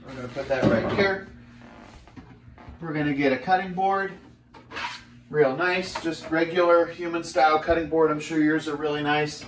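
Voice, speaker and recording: Filmed from a few steps back on a camera mic, a fitness cooking host in his thirties jokes energetically through a casual demo in his small home kitchen. His voice is on the high side, at a normal pace with long pauses, sounding distant and slightly off-mic amid the kitchen echo.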